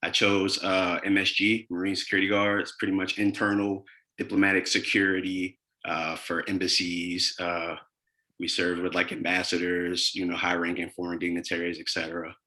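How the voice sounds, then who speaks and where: A man in his twenties introducing himself to a class on a video call, speaking in a steady, orderly and polite way. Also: sits low, moderate pace. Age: 20s.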